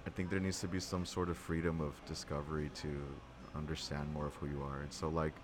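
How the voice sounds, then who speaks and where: A man's voice: extremely low pitch, flat delivery, a little fast. A young man, a podcast guest, chatting casually in a reflective, slangy way. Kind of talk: casual chat. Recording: clearly noisy background.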